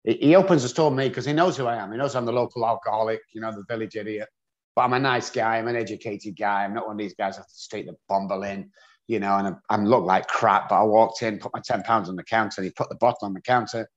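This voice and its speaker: Speaking quickly in a fairly low, steady voice, a man from England tells his own story as an interview guest. He's frank and pokes fun at himself, and the recording sounds dull and lo-fi.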